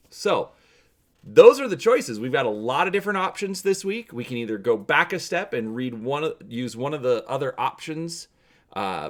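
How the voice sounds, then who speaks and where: A man's voice: mid-range voice, a bit bright. A man hosting and narrating an adventure story for viewers in a theatrical, emphatic way. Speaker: host and narrator of a story channel. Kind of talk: dramatic reading of an adventure story.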